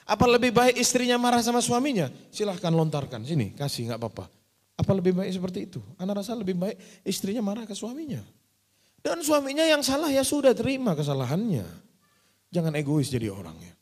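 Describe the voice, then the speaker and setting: A man's voice: high-pitched, sing-song, quick pace, in a large hall. A man preaching as an ustadz in a religious question-and-answer session, putting direct rhetorical questions to his congregation.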